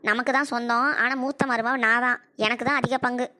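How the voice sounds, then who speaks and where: A woman's voice: on the high side, fairly even intonation, fairly quick, pushed and bright, no echo. A woman voicing a brash, scheming elder daughter-in-law in a cartoon comedy. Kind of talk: cartoon voice acting.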